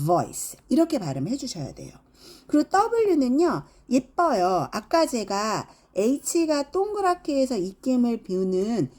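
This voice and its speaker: Lively woman teaching phonics. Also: mid-range voice. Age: middle-aged. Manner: lively, demonstrates sounds with exaggerated examples. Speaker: English teacher. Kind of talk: phonics lesson.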